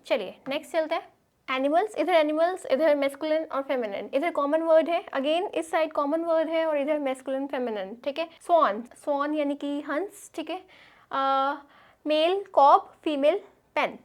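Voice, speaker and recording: Indian woman, English teacher, high voice, slide lecture in Hindi, steady explaining. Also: normal speed. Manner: explains in Hindi, checks in with frequent "theek hai". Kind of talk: classroom lecture over slides.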